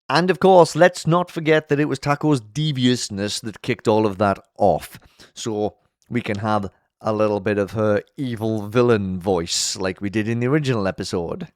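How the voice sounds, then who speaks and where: A man's voice: fairly low pitch, no room sound, studio quality. A man giving casual review commentary as a commentator, wry and wordy.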